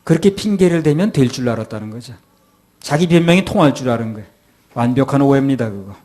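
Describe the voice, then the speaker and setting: A man's voice: medium pitch, expressive, quick pace, warm tone. A male pastor giving a sermon, acting out people's excuses in quoted voices.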